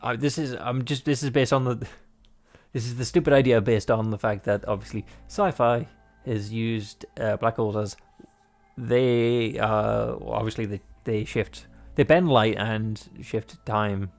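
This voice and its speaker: A man's voice: fairly low pitch, steady tone, a little slow, vocal fry, soft background music. A man playing through a visual novel, reading the narration aloud and adding rambling, joking remarks full of fillers. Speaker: game player and narrator.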